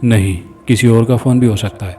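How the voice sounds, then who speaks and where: A man voicing a shaky, hushed young friend. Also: mid-range voice, steady tone, lightly acted. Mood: uneasy. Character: nervous but level-headed young man, friend. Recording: distant mic with faint music.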